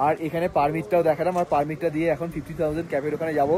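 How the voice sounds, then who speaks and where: A man from India narrating a motorcycle travel vlog outdoors on a high mountain road, short of breath and talking slowly in short phrases. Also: little pitch movement, a crowd in the background. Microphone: action camera or phone on the bike trip. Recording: noisy outdoor recording with wind and engines.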